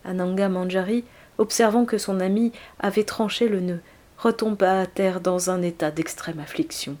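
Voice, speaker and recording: A woman reading an old tale aloud in a soft, measured way, at times near a whisper. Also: mid-range voice, fairly even intonation. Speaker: narrator.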